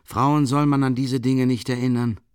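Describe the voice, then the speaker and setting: A man voicing a cynical, mocking gentleman villain with smooth irony in an audiobook reading. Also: mid-range voice, little pitch movement, moderate pace, no room sound, studio quality, voice pushed up, natural voice. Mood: sneering.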